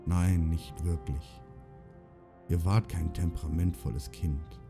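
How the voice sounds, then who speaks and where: A man voicing a gentle, wry old servant who is dying, speaking slowly and softly in an audiobook. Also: deep voice, fairly even intonation, gravelly, soft background music, exaggerated voice. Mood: tender.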